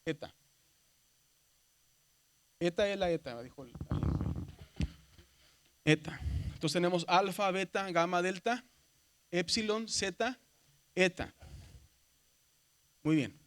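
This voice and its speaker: A man teaches a classroom of seminary students. He walks them slowly through the Greek alphabet, checking in with them again and again and naming each letter aloud. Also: high voice, a bit bright. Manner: patient, repeats "¿verdad?" and spells letters aloud; addresses students as brothers. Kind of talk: classroom lesson.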